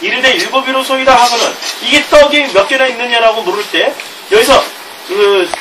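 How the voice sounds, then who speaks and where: A middle-aged pastor, Gyeongsang Korean accent, preaches in an extremely high voice at a fairly quick clip. He reads scripture aloud with chuckling asides, recorded from a distance with background noise.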